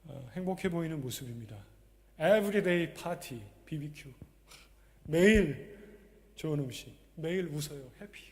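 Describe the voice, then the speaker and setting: A man preaches at a live church service in a slightly high voice, asking his listeners question after question. He bursts into loud, emphatic lines and then drops to quiet asides. His voice carries the long reverb of the church hall. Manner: asks the congregation rhetorical questions. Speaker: pastor. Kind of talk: sermon.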